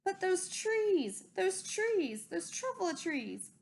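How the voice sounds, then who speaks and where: Old storybook inventor, male, eager salesman manner, self-justifying, high-pitched emphatic delivery female reader acting it out. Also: big pitch swings, slow, creaky, darkish tone, exaggerated voice. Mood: nostalgic, excited.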